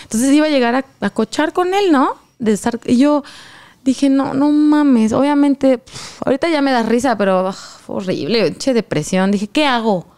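Young Mexican woman, casual storytelling, higher-pitched, smooth clear voice, slangy and animated. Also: moderate pace. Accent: Mexican Spanish. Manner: animated, slangy, acts out quoted lines.

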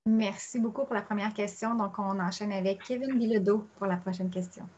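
A woman's voice: medium pitch, fairly even intonation, a little fast, darkish tone, lo-fi sound. A woman moderating a webinar, politely introducing questions over a video call. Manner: polite, formal announcing. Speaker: seminar moderator.

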